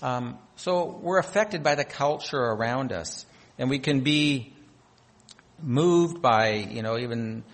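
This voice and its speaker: A pastor from North Dakota preaches a sermon in a church hall, his medium-pitched words trailed by a long echo. He reads scripture aloud, swelling with emphasis on key phrases.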